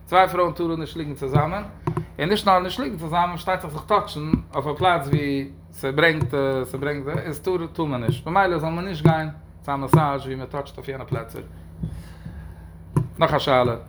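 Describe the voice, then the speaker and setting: A man's voice: fairly high pitch, fairly bright tone, slight background noise. A man teaching as a rabbi in a question-and-answer lesson, who reads out listeners' questions and answers them at length, moving between English and Yiddish phrases.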